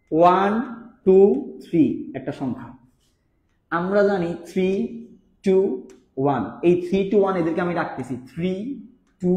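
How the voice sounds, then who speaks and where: A male tutor with a slightly high voice, teaching an online lesson in a chatty, coaxing manner. He repeats his key points again and again. His voice rings in a roomy, echoey space. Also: a little mellow. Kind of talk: online class lecture.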